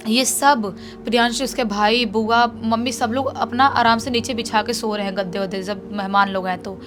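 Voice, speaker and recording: A woman's voice: fairly high pitch, steady tone, moderate pace, over music. A young woman casually telling a true horror story, chatty and conversational. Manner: conversational, acts out shouted quotes.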